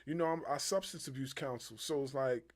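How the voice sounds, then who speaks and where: A man's voice: medium pitch, fairly quick. A man hosting a wrestling podcast, chatting casually and animatedly with lots of fillers. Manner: animated, rambling with many fillers. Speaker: podcast host. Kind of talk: casual interview chat.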